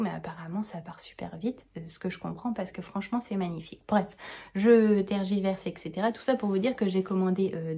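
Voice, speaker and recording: A woman with a warm, mellow voice hosts a casual knitting chat. She rambles cheerfully, full of enthusiasm. Now and then she drops to a soft whisper. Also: mid-range voice, slightly rough. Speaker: knitting podcaster.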